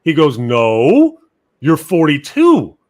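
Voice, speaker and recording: A man's voice: a little high, wildly swooping pitch, slow pace, darkish tone. A man in his forties chatting casually on a podcast, telling rambling stories in a laid-back way. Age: 40s. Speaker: podcast guest. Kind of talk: casual chat.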